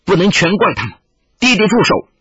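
A man's voice: medium pitch, sing-song, normal speed, a bit bright, breathy edge, no room sound, full character voice. Jade Rakshasa, a man voicing a fierce swordswoman. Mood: shouting. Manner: commanding, scornful. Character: fierce proud young swordswoman. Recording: dull lo-fi recording.

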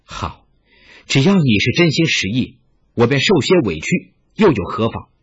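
男声读出的骄傲的女侠. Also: male voice, medium pitch, sing-song, moderate pace, husky, dull audio. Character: proud fierce young swordswoman in love.

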